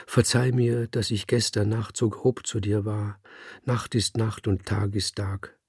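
A man voicing a moody young woman who speaks in a soft, hushed, pleading way while reading a story aloud. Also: mid-range voice, unhurried, gravelly, husky, no room sound, studio quality, heavily acted. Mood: pleading whisper.

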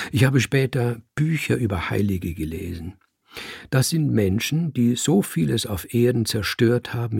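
A man reading a first-person story aloud in slow, measured audiobook narration. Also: lowish voice, creaky, darkish tone, husky, no room sound, studio quality.

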